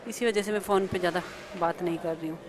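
A woman vlogging casually in a soft voice, a little short of breath, speaking into a small clip-on mic. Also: fairly low pitch, fairly even intonation, quick pace, crowd noise. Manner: speaks softly after surgery, short of breath. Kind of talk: casual vlog narration.

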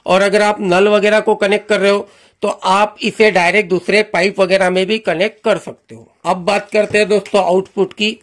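A man's voice: high voice, little pitch movement, normal speed. A man hosting his own channel, walking viewers through a hands-on product demo in a friendly, instructional way, often repeating a set phrase. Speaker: channel host demonstrating a car washer.

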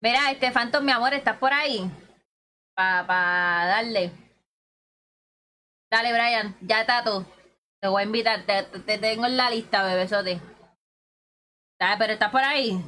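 Her voice is a little high, pushed and bright, and she takes her time, leaving long pauses. She's a woman streaming a game, chatting and teasing her teammates and viewers with names like "corillo" and "bebesote" in casual livestream talk.

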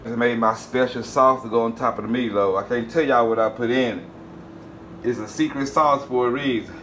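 A man from the Southern United States hosts a cooking channel, chatting casually in his home kitchen and speaking straight to viewers as "y'all." Relaxed and chatty, he talks briskly in a mid-range voice with slight background noise.

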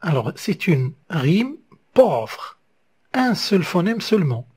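Teacher, unhurried and breathy, explains verse patiently as a lesson voice-over. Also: mid-range voice, big pitch swings, a little mellow. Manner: spells out syllables one by one, dictating pace. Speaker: French literature teacher. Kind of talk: slow step-by-step lesson on verse.

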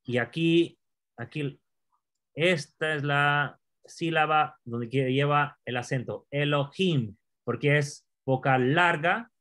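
A man's voice: fairly high pitch, sharp tone. A man teaching Hebrew pronunciation step by step, repeating words and quizzing his learner. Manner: slow, repeats words, asks the learner questions. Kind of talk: patient classroom explanation.

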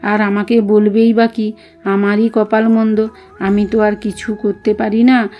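A woman reading the words of an elderly male guru, tender and wistful, in a gentle, confiding way. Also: medium pitch, little pitch movement, a little slow, muffled recording, soft background music, close to an everyday voice. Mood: rueful.

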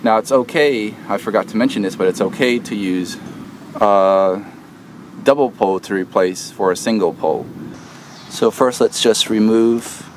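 Low-voiced man explaining a repair. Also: moderate pace, noisy background. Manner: hesitant, many "uh" and "um" fillers, explains step by step while working. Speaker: DIY video host. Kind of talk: casual how-to explanation. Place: outdoors at an air conditioner unit.

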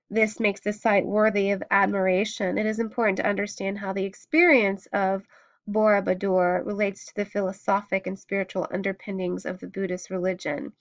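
A woman lecturing on art history in a recorded class, hesitating often with many ums and restarts. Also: mid-range voice. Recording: dull lo-fi recording.

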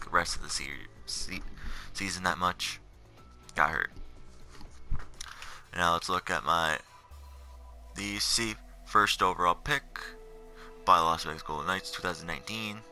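Music runs behind a seventeen-year-old young man voicing over game menus, drifting through casual talk about his career mode while tired in the middle of the night. His voice sits low and has a sharp edge.

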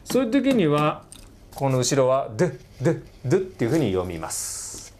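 Middle-aged man, casual video-lecture teacher, animated pitch, mid-range voice, checks understanding often. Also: slight background noise. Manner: sounds words out slowly, stretching and repeating them. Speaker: English teacher.

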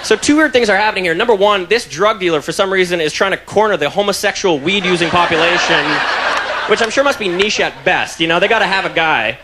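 A young man doing a loud, mocking stand-up comedy set on a stage mic. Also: sits high, fast, heavy background noise. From Canada. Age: young adult. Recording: live club with loud crowd laughter.

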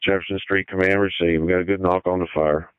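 This low-pitched man talks fast in a level, clean tone, recorded dry. He's a fire incident commander dispatching firefighters by two-way radio, keeping his orders terse and directive, and the channel sounds dull and band-limited.

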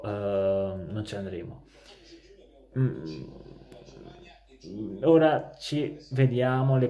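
Male, 20s, slightly deep voice; informal football vlogger, halting, emphatic on key words. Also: dark tone. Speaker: amateur football YouTuber. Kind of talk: casual match reaction commentary to camera. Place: small plain room indoors. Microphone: phone at arm's length.

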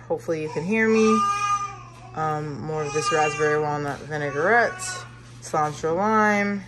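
A woman in her thirties, a mother and vlogger, casually listing her grocery haul item by item with frequent ums. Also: low voice. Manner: lists items slowly with frequent ums. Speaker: vlogger, mother of a large family. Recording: noisy home recording. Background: kids in the background.

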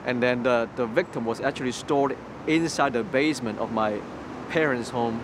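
A man from Hong Kong with a mid-range voice speaks haltingly in Cantonese as a guest in a personal testimony interview. He keeps restarting and repeating words while standing outdoors by a graffiti wall, where street noise and city traffic fill the background.

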